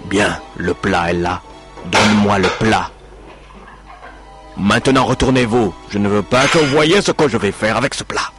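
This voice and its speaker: A man voicing a menacing male sorcerer who speaks in slow, low incantations, over music. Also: lightly acted. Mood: commanding.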